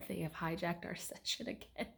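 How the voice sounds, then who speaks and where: A woman's voice: on the low side, normal speed, gravelly. A young adult woman leading a session with casual questions and wry, matter-of-fact asides. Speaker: session leader asking questions. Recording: roomy, echoey sound.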